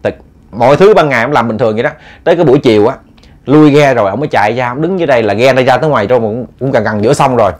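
A man with a Southern Vietnamese accent tells a ghost story in a relaxed, conversational way. He speaks straight to his listeners and acts out the lines he quotes. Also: medium pitch, very fast. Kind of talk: casual storytelling.

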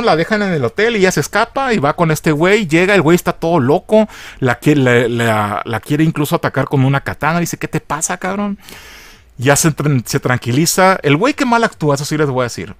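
A man with a Mexican Spanish accent casually recapping a film's plot as a reviewer, in a slangy, profane and animated storytelling manner. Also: medium pitch, no echo. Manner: animated, jumpy delivery. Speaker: film reviewer.

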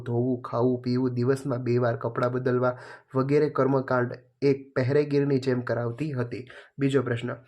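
A male teacher reading out workbook questions and answers in a steady, even way. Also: mid-range voice. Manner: steady, flat reading with small pauses.

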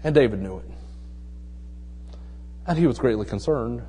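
A man preaching a conversational sermon who asks rhetorical questions and drops into a hushed voice to make his points. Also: medium pitch, moderate pace, slightly rough, long reverb tail. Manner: tells jokes in a relaxed storytelling way. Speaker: pastor.

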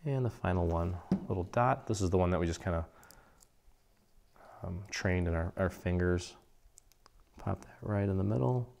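There's a little hiss or hum behind this craft tutorial host, a deep-voiced man with a slight hoarseness. Working at an indoor craft table, he explains a craft step by step in a casual, relaxed, chatty manner, pausing sometimes to clear his throat.

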